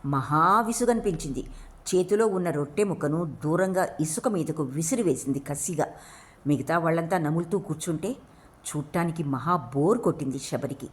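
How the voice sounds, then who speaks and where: A woman narrating a novel in an audiobook reading, with steady, expressive storytelling. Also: low-pitched, normal speed.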